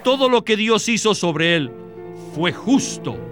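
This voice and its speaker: A man's voice: sits high, sing-song, measured pace, music in the background. A man interpreting a sermon with an earnest, preaching cadence.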